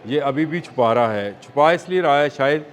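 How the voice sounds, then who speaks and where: A man's voice: fairly high pitch, lively intonation, moderate pace. Pakistani accent guy doing studio news talk, emphatic, lots of uh fillers. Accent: Pakistani Urdu. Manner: emphatic, repetitive, with hesitant fillers. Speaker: news analyst.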